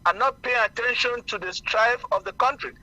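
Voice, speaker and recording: A man's voice: extremely high pitch, moderate pace, bright, forceful tone, rough recording. A man calling in on a speakerphone while driving, talking hesitantly with many fillers and restarts. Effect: car speakerphone call. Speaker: caller. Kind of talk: call-in radio talk. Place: car.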